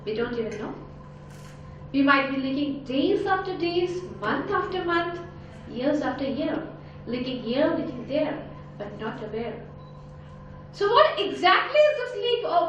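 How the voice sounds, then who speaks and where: A high-pitched Indian-accented woman, a motivational speaker and life coach, addresses a live audience in a large, very echoey conference hall. The mic picks her up from a distance with slight background noise, and she speaks emphatically, full of rhetorical questions.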